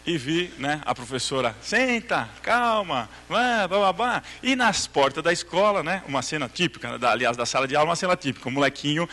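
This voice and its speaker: A man's voice: a little high, animated, fast, few pauses, sharp tone, long reverb tail. A man giving a religious lecture to a live audience, telling stories, acting out the dialogue and checking in with his listeners.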